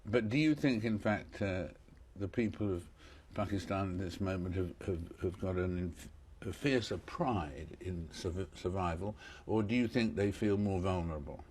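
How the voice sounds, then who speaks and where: A man's voice: sits low, normal speed, darkish tone, husky. A male interviewer who introduces his guest and asks long questions, often repeating words as he frames them. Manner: hesitant, repeats words while framing questions. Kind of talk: broadcast interview.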